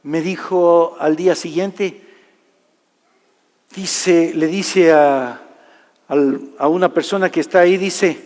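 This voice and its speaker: A man preaching a sermon, telling a personal story and swinging from loud to hushed delivery. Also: a little high, steady tone, slow, pauses often. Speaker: pastor. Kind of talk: sermon testimony. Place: large church hall. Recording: live church hall reverb.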